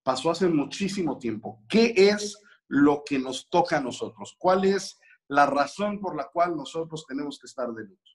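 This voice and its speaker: Man teaching a religious class, animated storyteller, voice on the high side. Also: normal speed.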